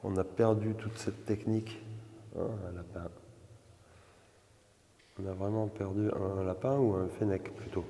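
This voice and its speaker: A man touring an ancient temple and talking casually to his viewers. He speaks in hushed, awed remarks that often trail off, and his voice rings with a long echo in a big stone chamber. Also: fairly low pitch, steady tone, measured pace, pauses often, slight background noise. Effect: long echoing reverb, like a vast stone hall. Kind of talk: casual spoken tour commentary. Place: large indoor stone chamber.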